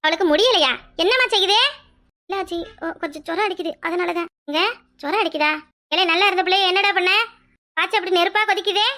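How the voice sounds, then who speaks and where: A woman voicing a bossy, sharp-tongued village grandmother in a cartoon. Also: extremely high pitch, quick pace. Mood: alarmed. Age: older. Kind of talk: cartoon voice acting.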